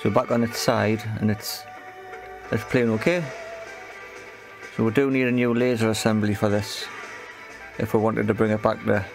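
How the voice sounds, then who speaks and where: A man with a fairly low, noticeably fry-laden voice speaks like a casual repair video presenter, matter-of-fact and stopping now and then to find his words. His pitch barely moves, and music plays behind him.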